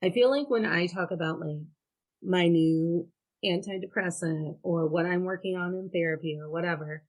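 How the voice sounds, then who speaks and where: A woman in her early thirties from Ohio, a guest on a podcast. She tells personal stories frankly and with wry humor, laughing between lines. Her voice sits a little low for a woman. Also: moderate pace, darkish tone, rough recording. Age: 30s. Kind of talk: casual chat.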